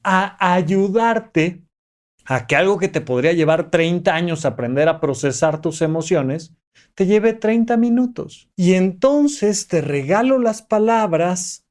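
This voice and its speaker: A man's voice: sits high, lively intonation, measured pace, darkish tone. A man hosting a podcast, teaching step by step in a coaxing, explanatory way. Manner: didactic, enumerates steps, coaxing tone with listener. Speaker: podcast host. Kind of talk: motivational podcast monologue.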